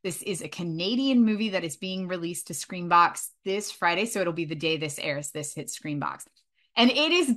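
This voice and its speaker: Bright-voiced woman cohosting a horror podcast, excited and sweary, bit of a cough. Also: on the low side. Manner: enthusiastic, swears casually. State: coughing from a cold. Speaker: podcast co-host. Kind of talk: casual film chat.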